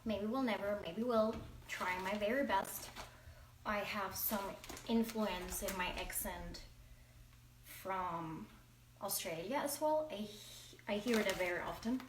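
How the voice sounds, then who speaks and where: Chatty and occasionally groping for English words, a woman with a German accent talks through a cooking demo in her home kitchen as a vlogger. She speaks slowly at a medium pitch, and the distant-mic audio echoes with background noise and clattering dishes.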